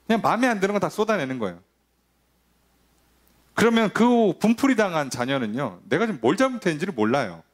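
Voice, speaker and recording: High-voiced and fast, the male pastor drives his Sunday sermon with lively energy. He throws out rhetorical questions and briefly mimics the people he quotes.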